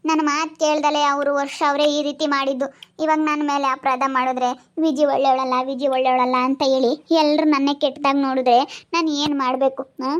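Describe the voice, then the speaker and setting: A high, flat-toned young woman, voiced by an actress, begs and repeats herself. She speaks with a steady, narrow pitch, and the home-made drama recording sounds dull and lo-fi. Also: fast talker, close to an everyday voice. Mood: pleading. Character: distressed young woman pleading to be trusted.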